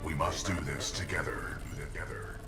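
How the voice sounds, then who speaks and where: An actor playing a dutiful male robot war machine AI, his voice metallic and machine-processed, speaking in clipped, measured phrases that stutter when damaged. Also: extremely low pitch, over loud music. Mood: resolute. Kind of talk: video game cutscene dialogue. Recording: game audio with loud score.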